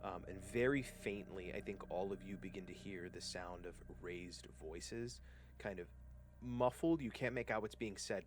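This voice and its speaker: A man narrating a tabletop game as game master, in a relaxed, halting way. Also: on the low side, a little hiss or hum. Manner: relaxed, halting, lots of fillers.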